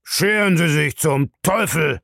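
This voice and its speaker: Male reader doing bulky old bully, loud and raised, gravelly, audiobook. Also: on the high side, measured pace, no room sound, studio quality, pitched above the performer's own voice, heavily acted. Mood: roaring. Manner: bellowing. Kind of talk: audiobook reading.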